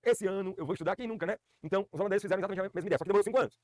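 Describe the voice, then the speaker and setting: Fast-talking joking Brazilian teacher. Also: male voice, high-pitched, a little mellow, dry recording. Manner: joking, colloquial, repeats key points. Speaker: history teacher. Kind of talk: energetic classroom lecture. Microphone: filmed by a camera operator.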